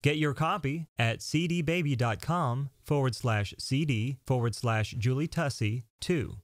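A man announcing a scripted promotion in a steady, clear delivery. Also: medium pitch, unhurried, no room sound, clean studio sound.

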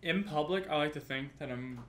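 A man in a casual podcast chat, joking and asking quick questions. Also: on the high side, a loud crowd. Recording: roomy echo with clear background noise.

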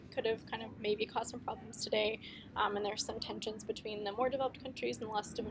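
Holding the camera at arm's length in a noisy, large conference hall, an American student reporter in her twenties chats her way through a casual video update for classrooms. Her voice sits on the high side, and she explains things with plenty of ums.

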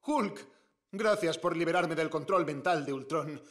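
An actor with a European Spanish accent playing a flustered, apologetic armoured superhero in a cartoon dub. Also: male voice, fairly high pitch, measured pace, background noise, lightly acted. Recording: loud music behind the voice.

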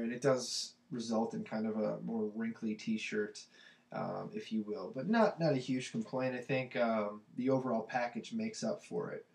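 A man's voice: medium pitch, roomy sound. A young man with a stuffy nose from a cold, chatting casually through a product review with plenty of ums and uhs. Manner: loose and chatty with many ums. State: congested from a cold. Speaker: t-shirt review vlogger.

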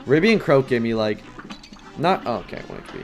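A young man streams himself playing a game and chats the whole way through. He is casual and self-deprecating, full of fillers and sudden yelps, and his voice sits at an ordinary middle pitch. Game music runs faintly behind him. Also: animated, brisk. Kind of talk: casual gaming commentary.

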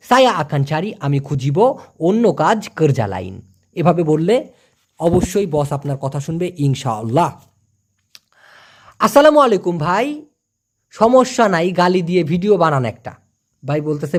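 Chatty Bangladeshi man teaching language. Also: on the high side. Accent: Bangladeshi Bengali. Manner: chatty, teasing, repeats phrases slowly. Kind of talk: casual spoken lesson.

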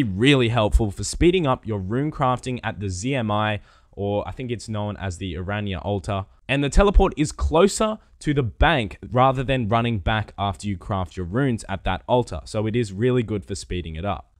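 A young man hosting a gaming channel, narrating a fast, informative game guide. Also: medium pitch, no echo, studio quality. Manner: quick, informative, lively delivery.

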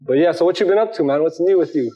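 A young man hosting a podcast, upbeat and casual, with a boom mic in a living room. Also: very fast, highs cut off. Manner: upbeat, casual slang, laughs often. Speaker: podcast host. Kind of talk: casual interview chat. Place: bright living room with large windows. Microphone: studio mic on a boom stand.

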